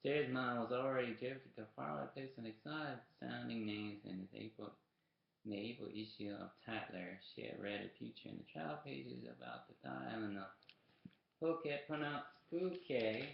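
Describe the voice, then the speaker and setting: A man reading a nonfiction book aloud as a storyteller, in a halting way with frequent restarts and stumbles over words. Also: mid-range voice, vocal fry, slight background noise. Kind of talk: read-aloud narration. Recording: muffled echoey room recording.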